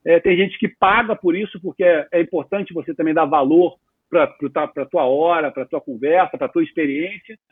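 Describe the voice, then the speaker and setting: A man in his fifties chats animatedly about his work, loose and full of slang. His voice sits a bit high and husky, dry and close. It comes through a narrow, phone-like line. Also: moderate pace, no echo. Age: 50s. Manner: animated, talkative, casual slang. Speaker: guest, entrepreneur. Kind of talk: casual interview talk.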